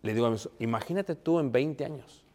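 A man's voice: mid-range voice, fast talker, warm tone. A preaching man speaks to his congregation in a mid-range voice, dropping in English asides. His words ring out with the long reverb of a church hall. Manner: preachy, addresses congregation as brothers, mixes English phrases. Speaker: pastor. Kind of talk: sermon.

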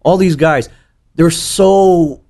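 A man's voice: fairly high pitch, extremely slow, darkish tone. A tired man in his thirties, a bartender guest telling stories in a rambling way with many restarts and the odd curse. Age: 30s. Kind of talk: casual interview chat.

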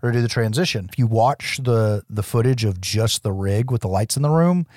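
A man's voice: fairly low pitch, moderate pace, a little mellow, dry recording, studio quality. A man co-hosting a podcast, telling a film's scenes in casual, profane language. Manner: profane, informal storytelling. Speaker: podcast co-host. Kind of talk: casual scene-by-scene film recap.

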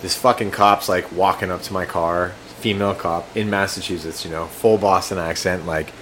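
A young man with a low but bright voice tells crude, joking stories in loose bar chat. Faint air-conditioner noise hums behind him. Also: steady tone, moderate pace. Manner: crude, joking anecdotes with laughs. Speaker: guest. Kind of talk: casual chat over drinks.

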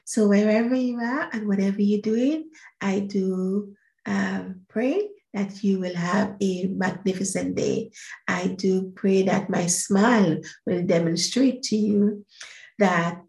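A woman's voice: medium pitch, steady tone, takes it slowly, gravelly, a little mellow, reverberant. A woman hosting her own podcast as a life coach, speaking in an earnest, encouraging way and repeating her phrases. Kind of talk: solo podcast monologue.

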